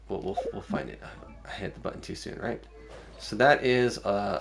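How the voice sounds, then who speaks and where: A man's voice: fairly low pitch, gravelly, a little hiss or hum. A man streaming a video game, thinking aloud through his choices in casual commentary.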